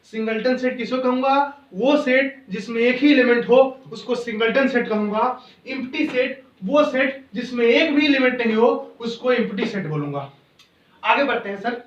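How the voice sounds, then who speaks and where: A young man teaching a math lesson, dictating definitions word by word and quizzing students with questions he answers himself. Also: very high voice. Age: young adult. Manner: dictates definitions slowly word by word, repeating phrases; asks students rhetorical questions and answers them. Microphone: phone mic. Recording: echoey room, distant dull phone mic.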